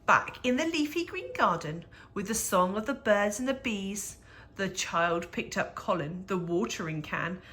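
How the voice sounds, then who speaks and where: Reading a rhyming picture book to young children, a woman speaks at medium pitch. Her storytelling stays measured and expressive, with moments of dramatic emphasis.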